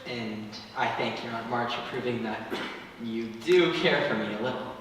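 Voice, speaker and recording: A man's voice: mid-range voice, moderate pace, close to an everyday voice. Guy playing devoted polite suitor in a stage play, earnest and formal, echoey far-off recording. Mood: grateful, tender. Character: earnest, courteous young tutor, a devoted suitor. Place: theater stage, recorded from the audience area. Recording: echoey theater, distant mic, faint noise.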